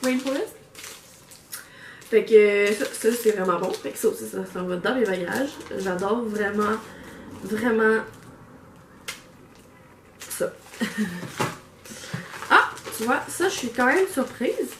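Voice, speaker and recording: A woman's voice: medium pitch, expressive, slow pace, long pauses. A woman with a Québécois French accent chatting casually through an unboxing, rambling with lots of fillers and restarts, recorded on a camera mic. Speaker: vlogger reviewing a subscription box. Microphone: camera microphone. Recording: echoey room with faint background noise.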